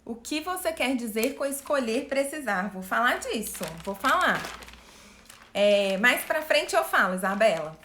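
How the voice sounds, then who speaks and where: A woman coach speaking live to her viewers, animated, asking them questions and acting out what people say. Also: a little high, unhurried, reverberant, slight background noise. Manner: animated, asks the audience questions, acts out quotes. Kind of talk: live-stream talk to viewers.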